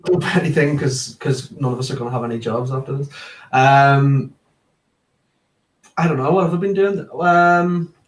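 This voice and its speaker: A man joins a relaxed video-call chat, talking practically and getting a bit nerdy about his equipment. His voice sounds roomy and set back from the mic. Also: mid-range voice, normal speed. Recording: roomy and distant.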